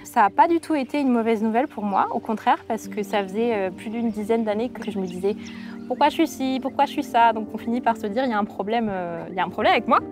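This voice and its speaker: A woman's voice: fairly high pitch, fast talker, over music. A woman in her thirties speaking reflectively in a documentary interview, with frequent hesitations. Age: 30s.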